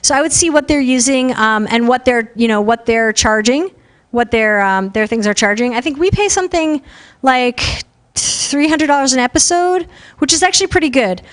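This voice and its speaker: A young woman giving a casual live talk at a conference, loud and talkative, with lots of fillers. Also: high voice, normal speed. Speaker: conference speaker on podcasting. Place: conference room with a live audience.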